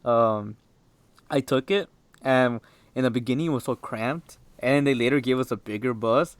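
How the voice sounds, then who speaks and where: A man's voice: medium pitch, smooth, no echo. A teenage boy hosting a casual podcast chat, rambling with many fillers and restarts. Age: teens. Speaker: podcast host.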